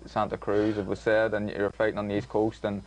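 A man in his twenties with a Belfast accent, a boxer being interviewed on radio, talking in a relaxed, plain way. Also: lowish voice, fairly quick, a little hiss or hum, rough recording. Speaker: boxer guest.

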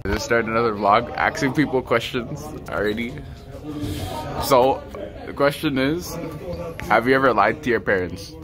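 A man's voice: mid-range voice, moderate pace, pauses often, music in the background. A young man recording a casual school vlog on a phone held at arm's length, playful and laughing, repeating his words. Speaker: vlogger. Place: school hallways, indoors.

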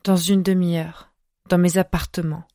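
A woman doing a husky, tender knight. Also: flat delivery, moderate pace, dry recording, clean studio sound, lightly acted. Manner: low, hushed, intimate.

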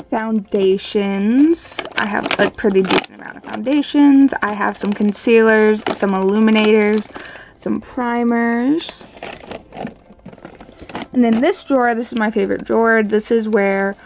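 A woman's voice: mid-range voice, gravelly, darkish tone, a little hiss or hum. A young woman chatting casually to camera in a rambling, apologetic way, her speech slightly slurred by an appliance in her mouth for an overbite. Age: young adult. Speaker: beauty vlogger. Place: small bedroom at home.

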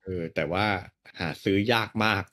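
A man co-hosting a podcast in casual chat, mostly giving brief agreeing replies and adding quick remarks. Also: sharp tone. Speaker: podcast co-host. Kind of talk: casual chat about retro games.

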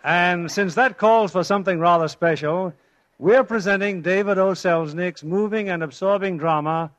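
Philadelphia host, smooth genial, slightly high voice, old 40s radio. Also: male voice, normal speed, fairly bright tone.

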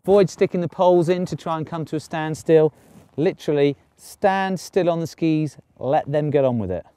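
A middle-aged man presenting an instructional lesson as a ski instructor, explaining clearly step by step outdoors. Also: on the high side, moderate pace, dark tone. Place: outdoors on a snowy ski slope.

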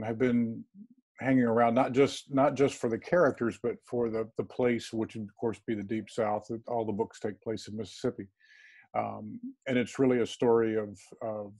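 Middle-aged guy on a video call w/ earbuds, low mellow husky voice, lots of ums, thinks as he talks. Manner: thoughtful, halting, many ums and restarts. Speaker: crime fiction author, guest. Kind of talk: casual interview conversation. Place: small room at home, plain wall. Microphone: earbud headset on a video call.

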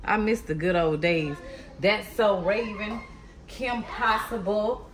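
A cooking channel host in her thirties speaks slowly in a medium-pitched voice, with crowd noise in the background. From her home kitchen she hosts a casual vlog, chatty and direct, calling her viewers y'all and baby.

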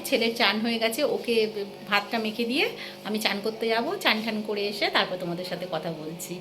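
A woman in her thirties with a West Bengal accent, chatting casually to viewers while going about her day at home. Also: fairly high pitch. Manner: chatty, talks to viewers directly. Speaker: vlogger. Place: home kitchen and rooms. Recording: echoey room with household noise.

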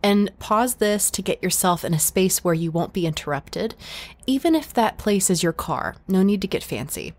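A woman's voice: mid-range voice, expressive, moderate pace. A woman hosting a podcast, giving casual spiritual advice in a playful way and swearing freely. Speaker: podcast host.

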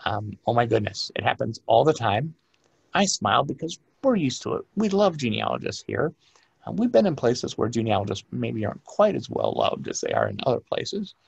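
A man's voice: mid-range voice, wildly swooping pitch, normal speed, gravelly, husky, no room sound. A man giving a conference lecture as a librarian and archivist, emphatic and direct, with rhetorical questions.

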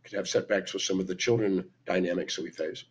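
An older man, hoarse and raspy from laryngitis, lectures emphatically into a webcam from a room at home, counting off points with hand gestures. He's a speaker and teacher whose voice is low-pitched with fairly even intonation, and he talks fast. The webcam audio is dull and lo-fi.

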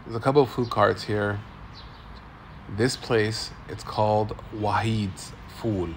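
A food vlogger in his forties gives upbeat, tour-guide-style commentary at an outdoor street food stall, filming on his phone in a casual walk-and-talk. His voice is fairly low and evenly intoned, his pace slow, with a slight hiss or hum in the audio.

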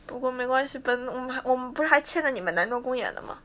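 Teen girl idol, casual livestream chatter, high-pitched and bright, teasing and chatty. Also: lively intonation, racing. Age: teens. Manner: chatty, playful, mimics fans' teasing.

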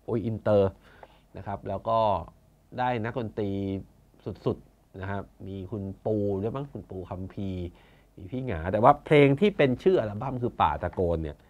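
A man's voice: on the low side, normal speed, highs cut off. Blunt, chatty man telling stories. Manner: colloquial, blunt, acts out quoted officials. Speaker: conservation foundation chairman. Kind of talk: casual storytelling talk.

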